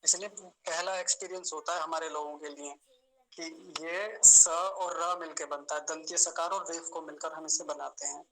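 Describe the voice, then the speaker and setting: A man teaching an online class on pronunciation, patiently explaining and slowly repeating sounds to demonstrate them, speaking over a video call. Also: on the high side, steady tone, creaky, bright, forceful tone, rough recording. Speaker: Sanskrit teacher.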